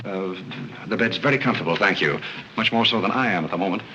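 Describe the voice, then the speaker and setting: A man playing a courteous, patient butler with a formal, deadpan manner in a 1930s comedy film. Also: low voice, fast, a little hiss or hum. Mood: polite, awkward. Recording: dull, muffled 1930s film soundtrack.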